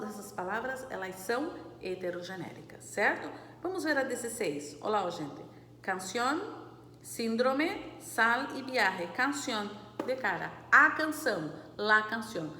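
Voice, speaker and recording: Brief: woman teacher, fairly high voice, patient, reads vocabulary slowly, long reverb in the room. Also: expressive, sharp tone, a little hiss or hum. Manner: explains patiently, checks understanding with "certo?" and "né, gente?"; reads Spanish words slowly and clearly, switching into Portuguese explanations. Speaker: Spanish teacher. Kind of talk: classroom lesson going over exercises.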